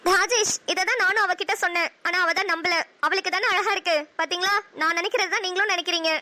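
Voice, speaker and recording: A woman voicing a gentle, lovestruck young elder sister in a cartoon, soft and coaxing, with a Namakkal Tamil accent. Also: extremely high pitch, fairly even intonation, quick pace. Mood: sweet. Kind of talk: cartoon voice acting.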